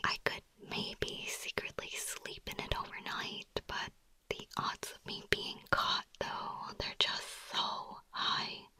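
A young woman performing a whispered ASMR roleplay as an anxious, broke young woman, speaking in a soft, confiding, pleading way. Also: close to an everyday voice. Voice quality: breathy whisper.

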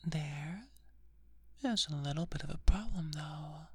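A woman in a whispered ASMR roleplay, talking in a soft breathy whisper, slow, soothing and attentive, close to the microphone. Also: deep voice, no room sound. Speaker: ASMR performer. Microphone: close sensitive microphone.

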